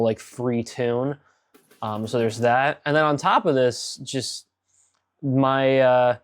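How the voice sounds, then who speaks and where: A man talking through his own old video in a slow, unhurried ramble, full of fillers. He picks at his past mistakes as he goes, with a voice of ordinary middle pitch. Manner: rambling and self-critical, many fillers. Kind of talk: casual director's commentary.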